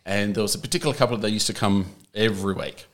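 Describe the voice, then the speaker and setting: A man's voice: fairly low pitch, fast, fairly bright tone. A man telling a story in casual chat, hesitant and full of fillers, laughing at times.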